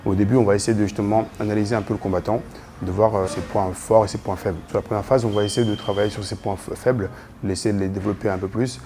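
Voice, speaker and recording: A man with a gravelly voice, a fitness coach, speaking in a measured way in a documentary interview. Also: on the low side, fairly even intonation, dark tone, a little hiss or hum. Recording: music bed under the voice.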